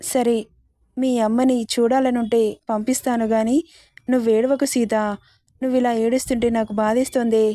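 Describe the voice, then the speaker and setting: A woman's voice: on the high side, level tone, moderate pace, mellow, no room sound, studio quality, natural voice. A woman voicing a loving young husband. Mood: tender.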